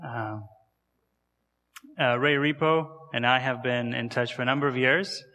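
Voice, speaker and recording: A man's voice: medium pitch, fairly even intonation, measured pace, sharp tone, in a large hall. A man in his thirties from Kazakhstan, with an accent from there, giving a conversational guest sermon in a church and asking the audience questions. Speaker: guest missionary speaker.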